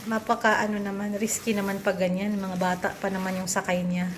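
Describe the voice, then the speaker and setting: A woman's voice: medium pitch, little pitch movement, brisk, slight background noise. A woman in her thirties from the Philippines, chatting to her vlog audience as a mother at home, laughing often and slipping into English. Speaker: vlogger and mother. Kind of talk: casual chat to camera.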